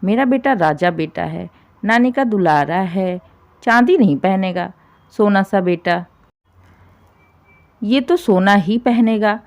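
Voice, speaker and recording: A shrill, taunting older mother-in-law, as a woman storyteller puts her on, her voice pushed up high and loud. She nags and complains with a grasping, sharp tongue, like a figure in a spoken family drama storybook. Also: animated, takes it slowly, pauses often.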